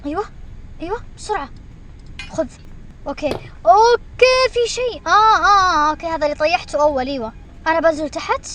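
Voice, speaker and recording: A woman streamer giving excited commentary while she plays a game, shrieking when she is chased. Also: high-pitched, rapid-fire, long pauses. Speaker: gaming streamer.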